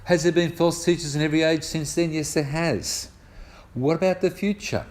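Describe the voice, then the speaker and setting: A man's voice: fairly high pitch, normal speed, a little mellow. Older Australian man preaching conversationally. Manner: conversational, explains step by step with personal anecdotes. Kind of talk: sermon teaching on scripture.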